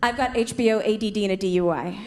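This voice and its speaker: A woman from the United States doing a stand-up set on a club stage, with punchy delivery and quick switches into parent voices. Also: mid-range voice. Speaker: stand-up comedian. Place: comedy club stage with audience laughing. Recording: live club recording with crowd noise.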